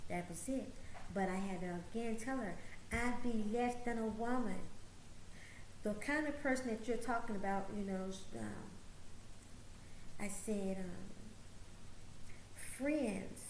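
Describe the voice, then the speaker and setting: Emphatic and repetitive for emphasis, a host in her late forties lectures through a motivational talk show monologue. Her slightly high voice comes with a touch of hiss, set against roomy echo and faint background ambience.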